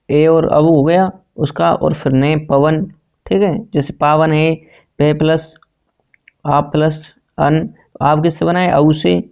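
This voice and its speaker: A man's voice: fairly high pitch, creaky, a little mellow, dull audio. A man teaching a grammar lesson for exam preparation, asking and answering his own questions and correcting himself as he goes. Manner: self-correcting, says sorry mid-sentence.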